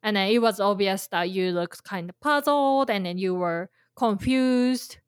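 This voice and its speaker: A woman's voice: mid-range voice, animated, a little slow, clean tone, no echo, studio quality. A woman teaching Japanese in a casual chat, explaining with imagined scenarios and plenty of fillers. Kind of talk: casual language lesson chat.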